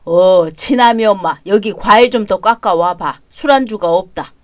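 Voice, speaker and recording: A woman voicing a gruff, stubborn older father-in-law in an audio drama story, barking commands. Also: medium pitch, moderate pace, no room sound, studio quality, pitched below the performer's own voice, lightly acted. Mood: bossy.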